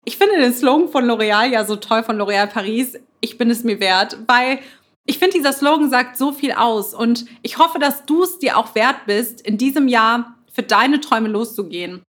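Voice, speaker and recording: A woman's voice: on the high side, animated, moderate pace, fairly bright tone. A woman hosting a motivational podcast, talking without notes in an earnest, emphatic way, often repeating her phrases. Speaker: podcast host. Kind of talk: motivational podcast monologue, unscripted.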